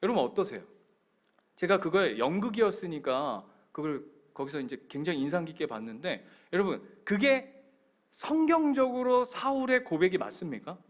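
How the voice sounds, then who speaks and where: A man's voice: high-pitched, normal speed. A male pastor preaching a sermon in a church, telling stories with energy and putting questions directly to the congregation. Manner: animated storytelling. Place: church sanctuary.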